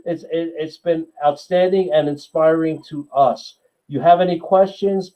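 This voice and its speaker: A man's voice: fairly high pitch, steady tone, unhurried, muffled recording. Encouraging man hosting a running show. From USA. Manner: encouraging, rambling with fillers and restarts. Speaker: running club host. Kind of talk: casual live show chat.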